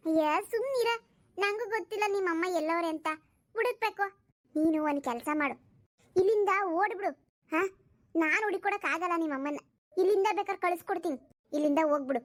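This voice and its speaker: Woman playing a defensive, weary young stepmother for a cartoon, pitched very high. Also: fairly quick. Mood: brusque. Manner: defensive, pleading her innocence. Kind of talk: cartoon voice acting.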